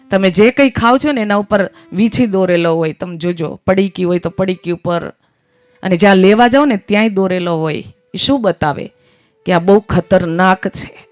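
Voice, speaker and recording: Female village preacher on a stage mic: exhorting, asks and answers her own questions, soft music under her. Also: medium pitch, no room sound. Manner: emphatic, rhetorical questions, rising exhortations. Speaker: religious storyteller preacher. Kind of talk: devotional sermon to a village gathering. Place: village religious gathering.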